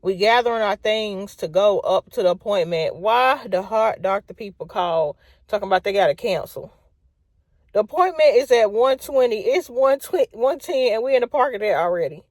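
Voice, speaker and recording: A woman telling a casual storytime and venting in an animated, exclaiming way. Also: mid-range voice, normal speed, no room sound.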